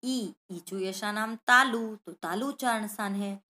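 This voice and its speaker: A woman's bright, forceful, mid-range voice guides a Sanskrit worksheet lesson at a measured pace. She sounds out each letter and speaks directly to the children viewing.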